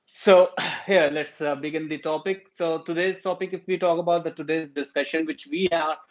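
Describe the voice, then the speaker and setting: A man from India with an Indian English accent talks casually about current affairs to his YouTube viewers, his fairly high voice steady in tone at a moderate pace. He's hesitant, with many fillers and restarts, in a dull lo-fi recording.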